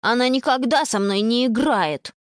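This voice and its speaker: A woman's voice: fairly high pitch, moderate pace, no room sound, studio quality, lightly acted. A woman voicing a stubborn, sulky little boy in an audiobook, whining and insisting. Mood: whiny. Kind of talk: audiobook character voice.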